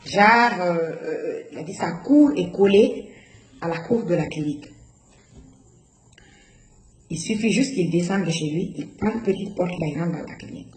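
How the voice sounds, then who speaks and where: A woman's voice: on the low side, normal speed, long pauses. Woman guest, emotional storyteller who acts out the dialogue, roomy recording with faint noise. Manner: animated, acts out the dialogue of others. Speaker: guest recounting a personal experience. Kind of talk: emotional first-person storytelling.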